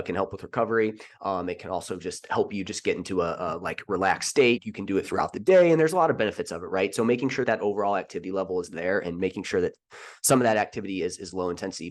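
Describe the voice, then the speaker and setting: Casting note: man in his thirties, low voice, brisk casual podcast host, rambling with fillers. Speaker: podcast host and fitness coach. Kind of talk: solo podcast monologue.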